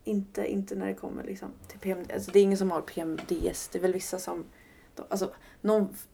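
A woman's voice: medium pitch, flat delivery, creaky, warm tone, slight background noise. A woman in her twenties, a podcast guest, speaking candidly and searchingly and often laughing at herself. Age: 20s. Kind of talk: casual podcast conversation.

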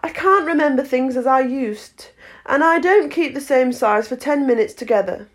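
A woman's voice: high voice, moderate pace, voice pushed up, natural voice. A woman voicing a shy, polite and confused young girl from a storybook, explaining herself earnestly. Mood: polite, troubled.

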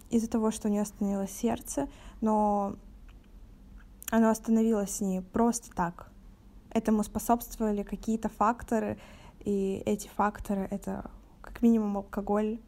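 Young woman podcast host, 18, from Russia; steady, even delivery with a mellow timbre. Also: mid-range voice. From Novorossiysk, Russia. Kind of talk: podcast talk.

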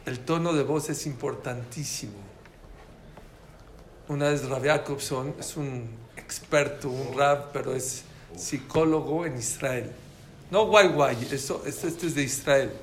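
Speaking to a live audience in an echoey room with faint background noise, a lecturer with a Mexican Spanish accent gives an animated talk on listening and keeps asking the crowd questions. His voice is mid-range and he speaks a little slowly.

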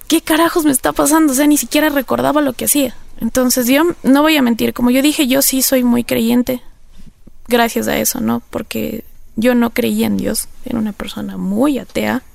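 Woman, interview guest, earnest reflective testimony, gravelly fry, dry close sound. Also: a little high, steady tone, moderate pace, darkish tone, no echo. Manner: earnest, reflective, many filler phrases. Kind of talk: personal testimony in conversation.

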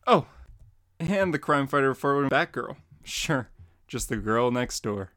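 A man voicing Robin, a sarcastic teenage male sidekick with deadpan wisecracks, in a dramatic comic reading. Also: medium pitch, slow.

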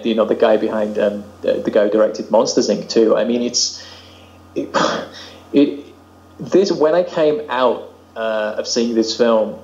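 A man chatting casually as a film podcast co-host, measured and thoughtful with fillers. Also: mid-range voice, a little mellow. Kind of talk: casual chat. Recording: roomy, dull lo-fi audio.

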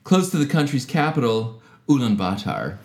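A man's voice: mid-range voice, very animated, moderate pace, a little mellow, reverberant. A man co-hosting a comedy news podcast in casual chat, joking and sarcastic and laughing often. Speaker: podcast co-host.

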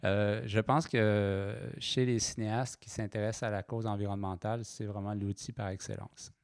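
A man's voice: lowish voice, flat delivery, normal speed, no echo, clean studio sound. A man hosting a casual podcast chat, conversational and adding details with repeated words. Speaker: podcast host.

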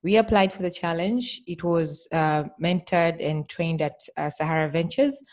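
A woman's voice: on the low side, normal speed, a little mellow. A woman, a guest explaining her work carefully with frequent fillers. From Tanzania. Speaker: guest, startup team member. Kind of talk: interview answers.

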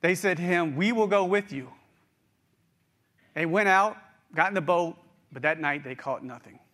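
A middle-aged West Virginian with a matching accent preaches a folksy sermon, talking directly to those listening. He has a mid-range voice with vocal fry and a sharp tone.

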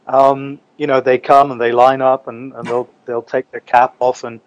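A man's voice: medium pitch, flat delivery, moderate pace, highs cut off. A man from New Zealand talking casually as a guest in an interview. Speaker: interview guest, English teacher.

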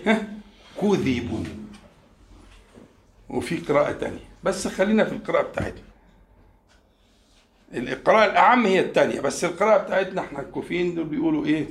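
A man's voice: on the high side, vocal fry, echoey room, slight background noise. A man with an Egyptian accent teaching a class, quizzing his students and drawing out key words to stress them. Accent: Egyptian Arabic. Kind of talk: classroom lecture on scripture.

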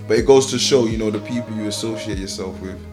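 A man's voice: fairly low pitch, fast. A man with a London accent hosting a podcast, asking questions and encouraging his guest with lots of "you know" and "yeah". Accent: London English. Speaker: podcast host. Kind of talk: casual interview. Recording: music bed clearly behind. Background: background music.

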